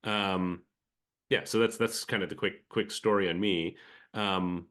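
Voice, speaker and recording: A Philippine-born man in his forties with an American accent speaks as a venture capital guest on a conversational podcast interview. He's reflective, with many fillers and restarts, and his low voice is steady, unhurried, and fairly bright in tone.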